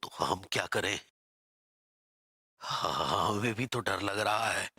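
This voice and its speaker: A man's voice: sits low, slow, sharp tone, breathy edge, dry recording, heavily acted. An actor playing a jittery, whiny middle-aged husband scared of a ghost, stammering as he talks. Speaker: frightened neighbour in a TV sitcom. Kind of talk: sitcom acting.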